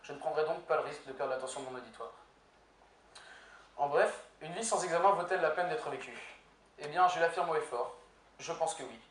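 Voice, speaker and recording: A young man, a law student, giving a prepared humorous speech in an eloquence contest, with deadpan, ironic punchlines. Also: a little high, a little fast, long pauses. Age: young adult. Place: university lecture hall with audience. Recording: echoey hall, far from mic, faint noise.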